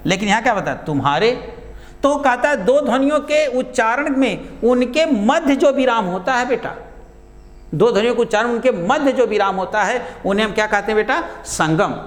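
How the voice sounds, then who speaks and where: In a large hall, a male teacher with a high voice leads a classroom lesson, dictating notes and slowly repeating every phrase so students can write it down.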